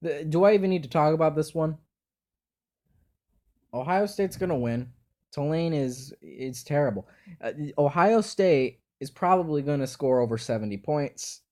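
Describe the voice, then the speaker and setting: A man's voice: a little high, moderate pace, warm tone. A man giving casual football predictions, thinking aloud in a hesitant way that repeats words and restarts sentences. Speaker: sports predictions host. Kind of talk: casual spoken football picks.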